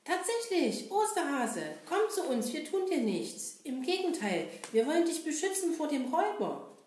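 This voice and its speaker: A woman doing a cheerful brave male puppet hero, lively swooping voice, talks to the kids, roomy echo. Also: sits high, moderate pace. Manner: lively, sing-song, addresses children directly. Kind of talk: children's puppet show.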